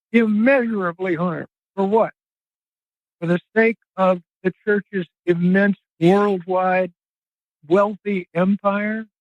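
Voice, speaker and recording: Older male reporter guest, high-pitched, earnest and emphatic in an interview, dry dull podcast sound. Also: no room sound. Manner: earnest, emphatic, drawn-out phrasing. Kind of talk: impassioned interview monologue.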